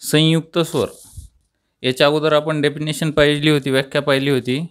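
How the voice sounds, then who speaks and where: A young man gives a grammar lesson in a Marathi accent, his voice sitting a little high for a man. He speaks slowly and repeats each term. He often asks a question and then answers it himself. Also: little pitch movement. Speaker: teacher.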